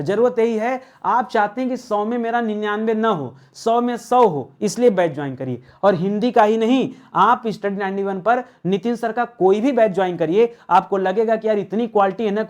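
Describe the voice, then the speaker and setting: A man's voice: sits high, darkish tone. Hindi grammar teacher, man, self-questioning. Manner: asks questions and answers them himself; addresses viewers as friends, repeats key words. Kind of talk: online grammar class.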